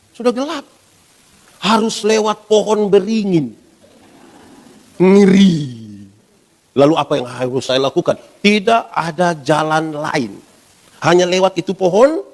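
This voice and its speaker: A pastor in his forties, preaching a lively sermon and asking the congregation questions. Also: high voice. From Indonesia. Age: 40s.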